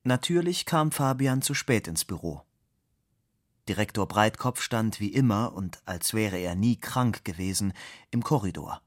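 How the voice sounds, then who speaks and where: A man narrating a novel in a measured, calm reading. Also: lowish voice, no echo, studio quality. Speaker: audiobook narrator.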